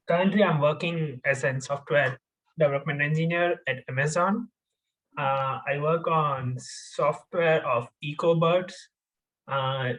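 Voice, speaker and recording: Hesitant man from India, slightly high. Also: a bit bright, poor audio. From India, Gujarat. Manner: hesitant, many fillers and restarts, laughs while talking. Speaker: podcast guest, software engineer. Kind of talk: casual interview answers.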